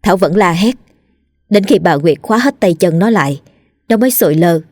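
Low-voiced woman telling a ghost story. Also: fairly quick, dry recording, clean studio sound. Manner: steady, dramatic storytelling. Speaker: narrator. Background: faint music.

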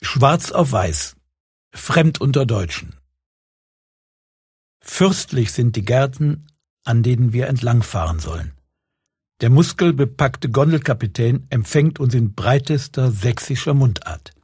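A man reads his own reportage aloud in a sober, measured way with a wry edge. His voice is strongly husky and darkly mellow. The recording is close and dry. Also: medium pitch, expressive, dry recording. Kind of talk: scripted first-person narration.

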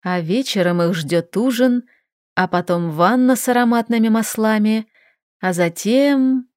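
A woman reading a romantic fantasy audiobook as narrator, in even, wry storytelling. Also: fairly high pitch, measured pace, no room sound, studio quality. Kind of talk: scripted narration.

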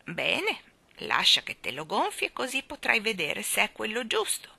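Here a woman voices a doting, wistful old balloon seller while reading aloud, pitching the character above her own natural medium voice. It's a full character performance: gravelly with a breathy edge, quavering and tremulous, wildly swooping, drawn-out and sing-song, with loud endearments and no audible room.

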